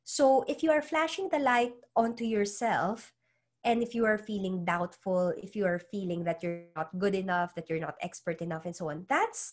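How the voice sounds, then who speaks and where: A woman with a fairly high-pitched voice, not a native English speaker, appears as an interview guest offering advice as a psychologist and author coach. She's earnest and often repeats words while she finds the right phrasing.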